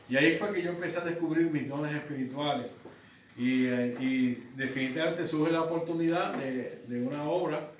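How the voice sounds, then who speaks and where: A man's voice: a little high, fairly bright tone. A middle-aged man, a pastor teaching a Bible study in a conversational way with rhetorical questions and frequent restarts. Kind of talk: Bible study lesson with personal testimony. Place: church classroom. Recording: roomy, distant mic, faint noise.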